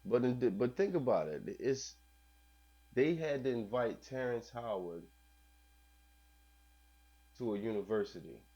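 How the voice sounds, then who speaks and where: A man's voice: mid-range voice, expressive, a little slow, long pauses, dark tone, slightly rough. A man in a casual chat, earnest and explaining, often restarting his sentences. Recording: dull lo-fi sound.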